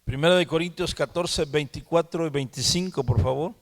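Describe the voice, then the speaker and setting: A man teaching the Bible at a prayer meeting. He talks slowly, repeats words and keeps asking "¿sí?". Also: on the high side, in a large hall. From Mexico. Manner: slow, repeats words and asks "¿sí?". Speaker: preacher.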